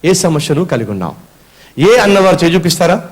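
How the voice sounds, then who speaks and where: A male preacher with a high voice that swoops up and down as he works the room. He throws questions at the congregation, answers them himself and drops in English phrases along the way. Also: very animated, brisk. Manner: acts out a whining complainer as an example. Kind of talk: sermon.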